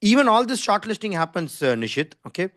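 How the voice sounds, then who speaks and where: Teaching design skills over a screen-shared video call, this Indian English-accented man talks fast in a slightly high, dry, close-miked voice with a sing-song, somewhat bright quality. The recording is dry. His informal, insistent explanations circle back to repeat points, and he keeps checking whether everyone is following.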